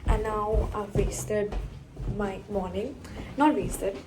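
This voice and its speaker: A woman's voice: medium pitch, takes it slowly, music in the background. A young woman chatting to the camera in a casual travel vlog, talking about her day around the city. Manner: chatty, talks straight to camera; whispers softly in the morning. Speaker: vlogger. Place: city streets and shops, outdoors. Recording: noisy street background.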